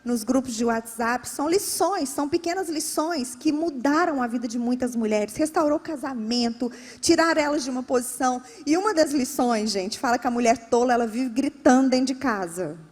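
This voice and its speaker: Brazilian woman pastor preaching, high voice. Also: a little fast, few pauses, darkish tone, in a large hall. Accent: Brazilian Portuguese. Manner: emphatic, repetitive preaching with rising emphasis. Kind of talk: sermon. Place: church.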